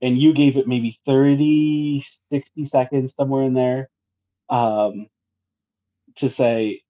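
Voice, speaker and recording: A man's voice: medium pitch, steady tone, takes it slowly. A man telling a story in casual chat, laughing and easygoing. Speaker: podcast guest. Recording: tinny phone-like line.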